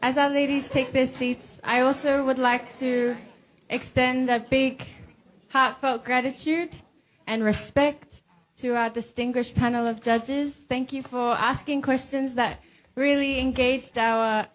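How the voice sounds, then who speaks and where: Female pageant host, high voice, poised and earnest, addressing a live audience from the stage. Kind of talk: live event hosting, addressing contestants and audience.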